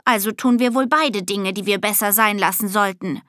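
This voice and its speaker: A woman's voice: mid-range voice, moderate pace, a bit bright, no room sound, lightly acted. A woman voicing a sarcastic, nonchalant male talking cat in an audiobook, with a dry, drawling delivery.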